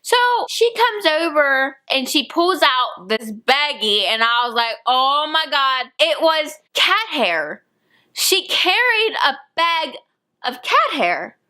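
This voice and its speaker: Young woman, high and bright, animated storytime vlogger who acts out the quotes. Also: slow. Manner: animated retelling with acted-out quotes. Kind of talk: storytime vlog.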